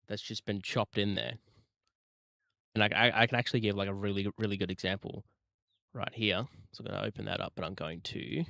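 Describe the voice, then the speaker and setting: A man's voice: fairly low pitch, vocal fry, a bit bright, no echo, studio quality. A man chatting in a casual, jokey way on a livestream while he edits audio on his computer. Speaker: streamer editing rail audio.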